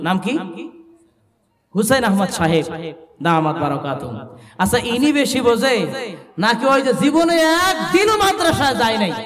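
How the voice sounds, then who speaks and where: A man with a Rangpur Bengali accent preaching a sermon at an outdoor religious gathering, chanting and calling out to the crowd. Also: extremely high pitch. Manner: chanting preaching with sung cadences, calls to the crowd. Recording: echoey public address sound, long reverb.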